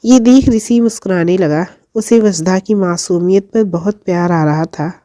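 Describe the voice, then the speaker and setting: Mellow woman narrating a romance audiobook. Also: on the low side, moderate pace, no room sound, clean studio sound.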